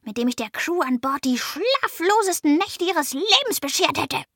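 A woman's voice: very high voice, big pitch swings, normal speed, sharp tone, dry recording, clean studio sound, pitched above the performer's own voice, full character voice. A woman voicing a small, grumpy, boastful male goblin who curses and brags in a storybook reading. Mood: grumbling, scheming. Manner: cursing, bragging, grumbling.

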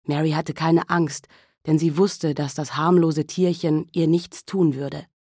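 A woman narrating a novel as an audiobook in a calm, measured storytelling manner. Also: low-pitched, breathy edge, dry recording, studio quality. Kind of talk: scripted narration.

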